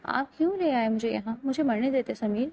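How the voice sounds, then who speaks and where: A woman's voice: fairly high pitch, darkish tone, slight background noise, natural voice. A woman reading as a heartbroken, tearful young woman. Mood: despairing. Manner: weepy, bitter, hopeless.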